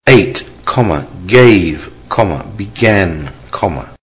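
Male dictation reader, deep-ish and unhurried, deliberate delivery for a language lesson. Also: animated. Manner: measured, deliberate, each phrase said three times. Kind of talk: slow repeated dictation with spoken punctuation.

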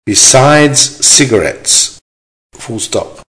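A man reading an English-lesson dictation aloud in short, deliberate, carefully measured phrases, repeating them and speaking the punctuation. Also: medium pitch, lively intonation, fairly bright tone, rough recording. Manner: deliberate, measured enunciation with pauses. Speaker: language teacher reading dictation.

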